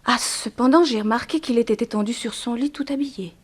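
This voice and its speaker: A slightly high, breathy-edged female voice portrays a young bereaved daughter, composed, frank yet guarded, in a 1960s French radio drama. She delivers her lines with measured theatrical diction in a thoughtful mood.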